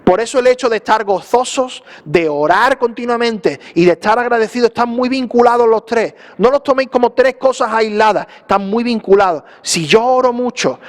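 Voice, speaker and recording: Male pastor, high pitch; conversational sermon with playful acted asides. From Spain. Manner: lively, conversational preaching with tag questions and acted-out asides.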